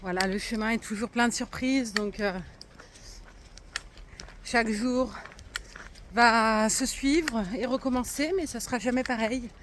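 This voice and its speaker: A woman talking casually to her phone camera while walking a countryside trail, upbeat and full of filler pauses. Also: fairly high pitch, noisy background. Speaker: vlogger walking a pilgrimage.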